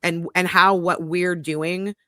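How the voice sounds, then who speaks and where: Speaking slowly in a level, fairly low voice, this news show host from the United States runs a live talk stream over a home video call. She greets people warmly and chats along with plenty of ums and false starts. The audio is dry, with studio quality.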